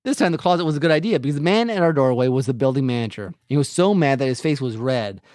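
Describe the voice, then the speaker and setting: A man's voice: medium pitch, expressive, quick pace, a little mellow, no room sound, clean studio sound. A male podcast host reading a short mystery story aloud, often breaking off to laugh.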